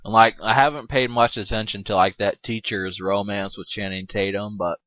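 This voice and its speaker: Brief: low male voice, loose joking film commentary, dull dead-dry recording. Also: steady tone, moderate pace, no room sound. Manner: rambling, filler-heavy, joking with frequent laughs. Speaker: movie commentary host.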